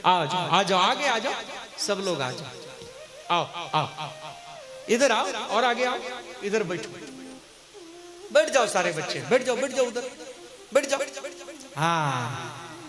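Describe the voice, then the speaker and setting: A man's voice: high voice, big pitch swings, takes it slowly, long pauses. A man with a Bihari Hindi accent preaching a devotional story to a live crowd, acting out what the figures say and breaking off to speak to the audience. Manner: dramatic, acts out quoted lines, talks to the crowd. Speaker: kathavachak. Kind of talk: devotional storytelling sermon with sung verses.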